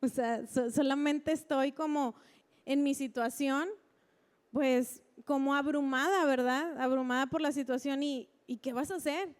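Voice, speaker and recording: A woman's voice: high-pitched, fairly even intonation, a little slow. A woman giving a personal testimony to a church congregation, chatty and full of fillers. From Mexico. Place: church service.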